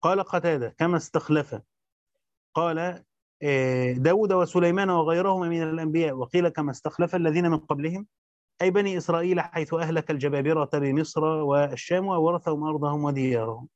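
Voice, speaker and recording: A man reading a Quran commentary aloud as a teacher, rushing through the text and stopping for short explanations. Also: a little high, dry recording, dull audio. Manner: rapid recitation with brief spoken explanations.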